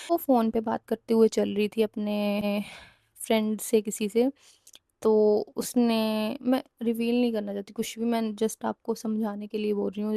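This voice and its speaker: A young woman recounts a personal story in a loose, rambling way, often circling back and fixing her own words. Her fairly high voice stays level and carries a gravelly, mellow edge. The sound is close and dry. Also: no echo. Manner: rambling, repeats and corrects herself mid-sentence. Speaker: storytime vlogger.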